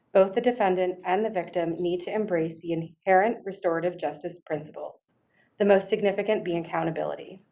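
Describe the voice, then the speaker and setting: A middle-aged woman reading a prepared victim's family statement to a court, in a solemn, formal and deliberate manner. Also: mid-range voice, dark tone, poor audio. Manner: solemn, deliberate, measured wording.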